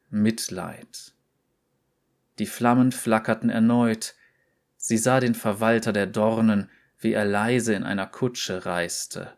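A man narrating a short story in a slow, deliberate, measured reading. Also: fairly low pitch, darkish tone.

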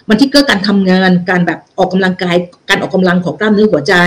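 A woman's voice: lowish voice, darkish tone, poor audio. Explanatory woman lecturing on a study. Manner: explanatory, with frequent check-in questions; mixes English medical terms into her speech. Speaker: health educator. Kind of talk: lecture walking through a research paper.

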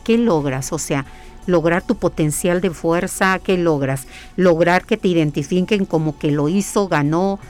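Woman speaking earnestly, pitch in the middle of her range, faint music in the background, conversational interview, repeats phrases and asks herself rhetorical questions. She sounds like a guest explaining a practice she leads. Her pace is steady and unhurried. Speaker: guest, spiritual hiking workshop leader.

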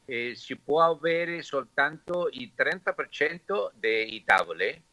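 A man from Argentina speaking with an Argentine Spanish accent as a native Spanish speaker, halting and searching for words in a casual interview. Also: on the high side, expressive, bright, forceful tone, no room sound, poor audio. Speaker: interview guest.

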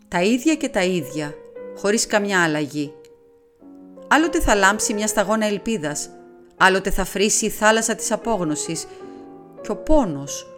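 Expressive woman reading a novel aloud. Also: medium pitch. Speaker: audiobook reader. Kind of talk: scripted literary narration.

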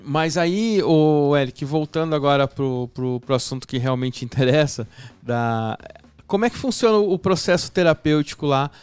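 A man's voice: on the high side, expressive, normal speed, a little mellow, clean tone, dry recording. A man hosting a podcast, chatting casually and telling an anecdote with lots of fillers. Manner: chatty, many fillers like "saca". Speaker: podcast host.

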